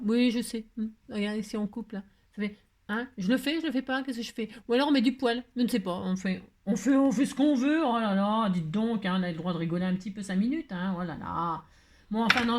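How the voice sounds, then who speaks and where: Chatty playful woman crafter. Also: a little high. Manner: chatty, playful, full of filler tags. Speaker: craft video host. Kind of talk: casual crafting tutorial.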